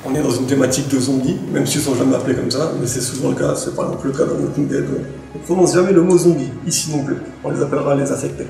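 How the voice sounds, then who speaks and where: A man's voice: medium pitch, fairly even intonation, quick pace, gravelly, warm tone. A man giving a casual, joking book review to camera as a library's manga specialist, often restarting his sentences. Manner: chatty and joking, with frequent restarts. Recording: echoey room with faint music.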